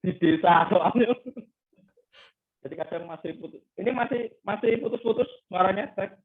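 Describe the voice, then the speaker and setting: A man speaks from a village over a phone line that keeps glitching and cutting out. His husky voice is thin and tinny. He keeps checking the connection and apologizing for it. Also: sits high, normal speed. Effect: choppy, breaking-up call audio. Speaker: guest speaker.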